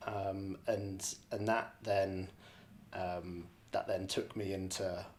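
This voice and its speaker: This podcast guest, a real estate director from the borders of Scotland, answers in a casual and reflective way, hesitating and reworking his phrases as he goes. He speaks slowly in a low-pitched, level voice. There's a little hiss or hum on the recording.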